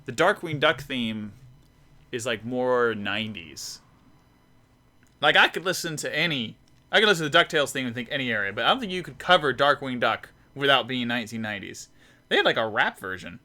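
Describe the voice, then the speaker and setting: A man's voice: mid-range voice, expressive, fairly quick, bright, forceful tone. A young man hosting a casual live stream while drawing, rambling with frequent restarts and laughs. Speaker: YouTube host.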